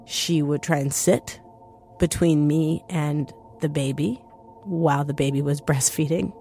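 A woman's voice: deep voice, fairly even intonation, a little slow, warm tone, faint music behind. A woman telling a personal story to an audience in an earnest, vivid way.

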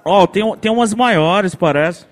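A man chatting playfully with friends in slang, over loud background noise and clicks. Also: high-pitched, slow pace. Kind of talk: casual chat among friends.

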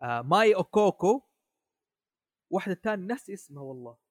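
Man, casual chat, fairly high pitch, dry sound, hesitant with restarts. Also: lively intonation, fast talker, dry recording. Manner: hesitant, many restarts, asks "حلو؟" often. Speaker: podcast guest. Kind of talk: casual chat about an anime.

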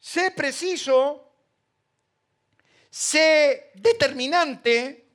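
Argentine pastor guy preaching, really high voice, gets loud then goes quiet. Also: extremely slow. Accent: Argentine Spanish. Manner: impassioned preaching, swings from loud to hushed. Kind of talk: sermon.

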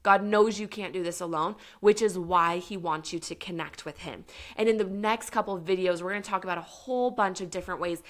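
A woman's voice: on the low side, fairly quick, few pauses. A woman coaching people on business and faith in an earnest, encouraging talk, peppered with "like" and little acted-out quotes. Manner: earnest, encouraging, filler-heavy with frequent "like"; acts out little quoted voices for herself and God. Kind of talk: faith-based motivational talk.

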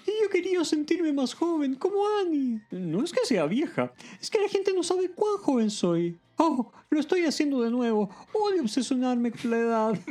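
Woman doing a middle-aged lady, high voice, earnest, fretting. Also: sing-song, normal speed, hardly any pauses, warm tone. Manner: earnest, fussing.

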